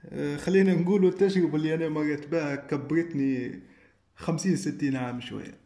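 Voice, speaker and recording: A man's voice: fairly high pitch, fairly even intonation, fast talker, warm tone, roomy sound. A Libyan man in his twenties, a podcast guest, speaking in a reflective, hesitant way. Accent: Libyan Arabic. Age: 20s. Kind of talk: conversational interview.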